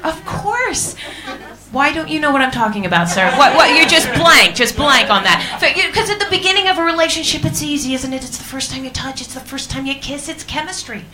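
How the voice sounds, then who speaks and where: A woman's voice: high-pitched, expressive, brisk. A woman with an American accent, born in England, doing a stand-up set with crowd work, teasing and swearing and laughing between jokes. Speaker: stand-up comedian. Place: comedy club stage before a live audience.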